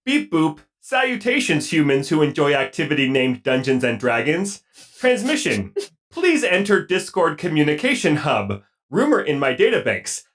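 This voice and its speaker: A man voicing a stilted male AI robot announcer in a clipped, monotone robot voice. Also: a little high, normal speed, a little hiss or hum. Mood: stilted robotic. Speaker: podcast player.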